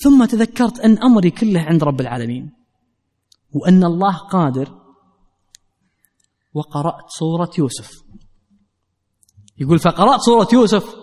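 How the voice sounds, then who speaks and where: A man's voice: high-pitched, big-room sound. A man preaching a sermon, telling a story and earnestly addressing his listeners directly.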